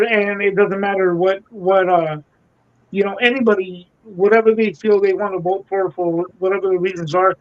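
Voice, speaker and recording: A man on a live video-call panel, speaking earnestly and hesitantly, often repeating his words. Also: high voice. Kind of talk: casual panel chat. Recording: dull lo-fi audio.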